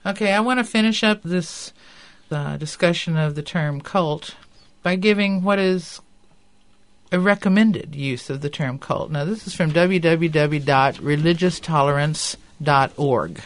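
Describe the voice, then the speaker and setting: A man presents a podcast in a somewhat high voice, recorded very dry. He explains earnestly and reads aloud, his articulation slightly impeded by a dental appliance. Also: measured pace, no echo. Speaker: podcast host. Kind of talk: podcast talk with read-out quotes.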